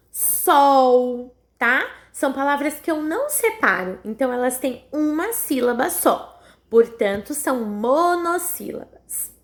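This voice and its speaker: Teaching young children in a recorded lesson, a primary school teacher with a Brazilian Portuguese accent and a fairly high voice patiently breaks words into syllables. She frequently checks whether the class is following.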